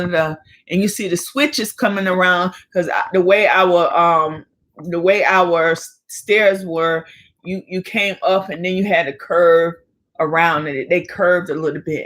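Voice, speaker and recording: A woman hosting her own vlog, telling a personal story from childhood in a lively, colloquial way. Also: fairly low pitch. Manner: lively, colloquial, acts out family members in quotes. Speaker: vlog host.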